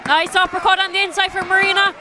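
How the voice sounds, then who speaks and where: Male combat sports commentator, very high excited pitch, punchy short calls, loud crowd behind. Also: quick pace. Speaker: fight commentator, play-by-play. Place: ringside at a fight event. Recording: noisy live venue, loud crowd.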